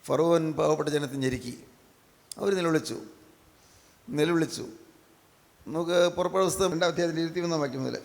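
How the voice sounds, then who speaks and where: A man's voice: on the high side, a little fast, vocal fry, pauses often. A man preaching a sermon, repeating his phrases and asking the listeners question after question. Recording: echoey hall with long reverb.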